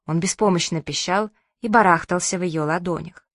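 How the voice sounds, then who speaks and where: A woman's voice: fairly low pitch, fairly quick, dry recording, clean studio sound. Woman reading a story aloud. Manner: lively, storytelling. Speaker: audiobook reader. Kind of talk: expressive audiobook narration.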